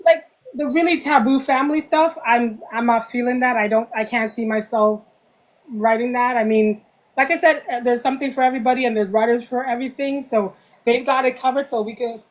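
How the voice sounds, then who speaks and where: Woman author, slightly higher-pitched, animated storyteller in a relaxed podcast interview. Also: fairly quick, poor audio. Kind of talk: casual podcast interview chat.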